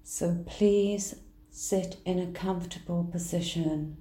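A woman leading a guided healing meditation in a soft, soothing manner. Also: fairly low pitch, steady tone. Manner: soft, slow, soothing delivery. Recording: roomy echo.

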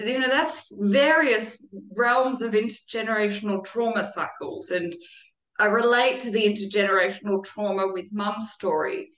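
A woman's voice: medium pitch, a bit bright. A woman talks earnestly and reflectively as an interview guest. Her voice has a roomy echo around it. She sounds sincere and thoughtful as she speaks. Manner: earnest and reflective, with occasional laughs. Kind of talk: conversational interview.

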